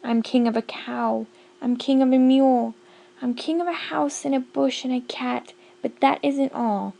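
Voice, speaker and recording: A woman voicing a blustering, boastful male turtle king who bellows his orders loud and bossy. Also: a little high, a little slow, creaky.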